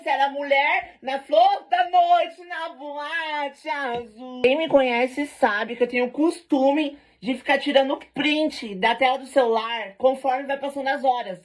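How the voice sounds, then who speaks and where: High-voiced woman telling a wild story. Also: normal speed, hardly any pauses. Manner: animated, slangy, jokey. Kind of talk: casual storytelling to camera.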